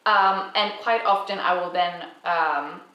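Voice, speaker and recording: A chatty Finnish woman whose first language is Swedish hosts a casual Q&A vlog as an Instagram creator, speaking slowly in a low voice with many fillers and soft restarts. She's indoors in her home apartment, an echoey room. The distant mic gives a roomy sound with music behind and the highs cut off.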